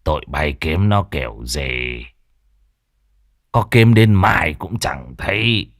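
A man voicing a stern elderly village elder who barks gruff orders in a hoarse, husky voice. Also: a bass voice, animated, takes it slowly, dry recording, studio quality, voice pushed down, full character voice.

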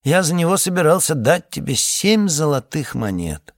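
A man's voice: fairly high pitch, very animated, moderate pace, no echo, studio quality, pitched above the performer's own voice. A man doing a sly, overacting abbot. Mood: theatrical. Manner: theatrical, overplayed lament. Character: sly male abbot, mock-lamenting, calculating.

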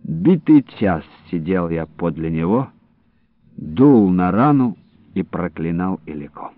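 A man narrating a story in a lively, expressive reading voice. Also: sits low, no echo. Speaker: audiobook reader. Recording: dry, phone-like narrow sound.

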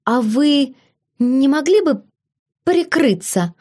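A woman's voice: high voice, expressive, takes it slowly, darkish tone, voice pushed up. A woman voicing a shy young bride who turns sharply indignant, with a raised, breathless voice. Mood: nervous. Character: shy, nervous young bride, feisty when cornered.

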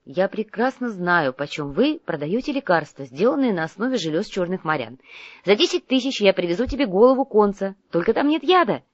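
A woman voicing a calm, shrewd young male mercenary who bargains firmly and businesslike. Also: medium pitch, fairly quick, no room sound, lo-fi sound, voice pushed up. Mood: bargaining.

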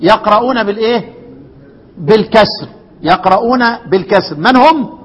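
A man with an Egyptian accent teaching Quran recitation to a class, asking questions and dropping into slow chanted verses. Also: high voice, animated, breathy edge. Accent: Egyptian Arabic. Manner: asks the class questions and repeats answers. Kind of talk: classroom lesson. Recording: long hall reverb.

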